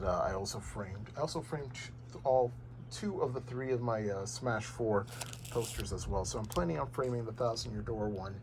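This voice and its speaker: A young man talks in a low voice, rambling from one thought to the next and stopping often to restart. A faint hiss sits under the recording, made at home. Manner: rambling with many fillers and restarts. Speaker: gaming vlogger. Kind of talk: casual unboxing and game progress vlog. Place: bedroom at home.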